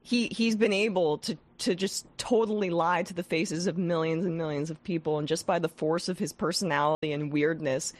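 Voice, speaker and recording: A woman hosts a political talk show while suffering a head cold, her lowish voice carrying some vocal fry. She's scathing and animated, restarting often, talking at normal speed with few pauses.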